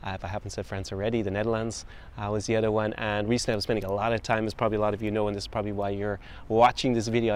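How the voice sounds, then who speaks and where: A young Irish man with a low, darkish voice, slight hiss or hum, and a faded, mixed Irish accent shaped by international influences talks casually to camera as a podcast host on a city street outdoors. He's conversational, full of fillers, restarts and self-corrections.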